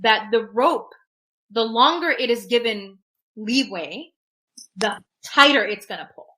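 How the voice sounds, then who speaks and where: Poor audio carries a woman's sharp, animated voice, which runs on the high side at a measured pace. She is a podcast guest and technologist with Urdu as her first language, and she reflects emphatically on experiences and advice, frequently saying "right?".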